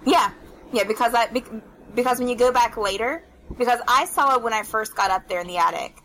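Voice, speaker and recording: A woman with a bright, crisp-edged voice chats casually about a game. She explains at length, hesitating and filling gaps with little fillers as she thinks. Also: on the high side, slight background noise, rough recording. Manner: chatty, halting explanations with many fillers. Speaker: co-host of a game discussion stream. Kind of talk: casual chat.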